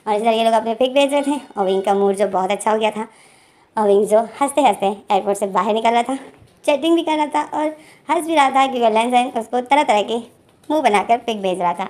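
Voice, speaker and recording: A woman's voice: a little high, brisk, darkish tone. Woman retelling a story in a chatty way. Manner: chatty, with many repeated fillers. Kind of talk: casual retelling of a fan story.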